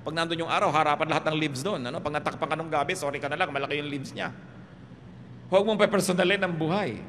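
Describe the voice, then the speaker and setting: A man with a Filipino accent preaching a sermon as a pastor, animated and humorous, often tossing rhetorical questions to the congregation. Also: fairly high pitch, quick pace, a little hiss or hum. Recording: reverberant hall, faint background ambience.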